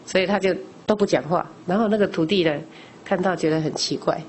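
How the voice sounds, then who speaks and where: A woman's voice: lowish voice, quick pace, a little mellow, slight background noise. A woman lay teacher giving a Buddhist class in a conversational lecture style, posing questions to the audience and answering them herself. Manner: explains by asking rhetorical questions and answering them; frequent discourse particles, conversational teaching.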